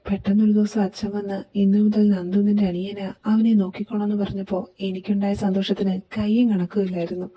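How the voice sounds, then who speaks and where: A woman narrating as a grown man who looks back on his childhood, reflective and even. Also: medium pitch, lightly acted. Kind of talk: scripted narration. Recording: dull lo-fi.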